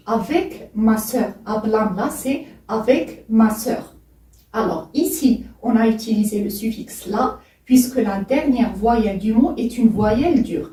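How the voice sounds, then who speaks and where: A woman with a mellow, fairly high voice gives a language lesson, explaining each point slowly and carefully. She sits a little back from the mic in an echoey room, so her voice sounds distant. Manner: slow, careful explaining with repeated examples. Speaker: language teacher.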